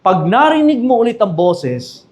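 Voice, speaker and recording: A man doing old priest Eli, soft and fatherly. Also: high voice, big pitch swings, moderate pace. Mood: instructing.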